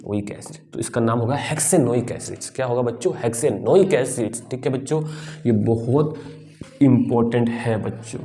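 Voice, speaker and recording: A man's voice: medium pitch, moderate pace, mellow. A man teaching a class, explaining step by step, asking his students questions and answering them himself. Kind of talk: classroom lecture.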